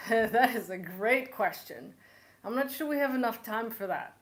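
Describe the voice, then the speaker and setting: A woman's voice: a little high, animated, a little slow. A woman in her forties from Poland, hosting a live cooking show Q&A, chatty and joking, laughing often. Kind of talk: live-stream Q&A chat. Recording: echoey room.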